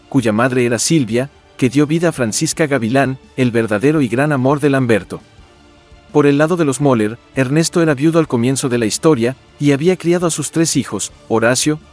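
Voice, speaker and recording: A man's voice: medium pitch, a little mellow. A man reading scripted, documentary-style narration in a formal, expository manner. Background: background music.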